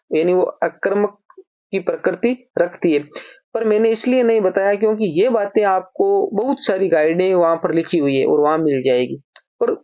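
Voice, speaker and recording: A man's voice: sits high, darkish tone. A man teaching an exam-prep grammar lesson, patiently explaining and dictating example sentences word by word. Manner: patient, explanatory, calls listeners brother. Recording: dull lo-fi recording.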